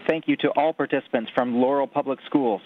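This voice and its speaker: A man's voice: mid-range voice, steady tone, fairly quick. A man working as a mission control radio operator, speaking in clipped, formal radio protocol over a radio link transmission. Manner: clipped, procedural delivery. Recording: hissy muffled radio link.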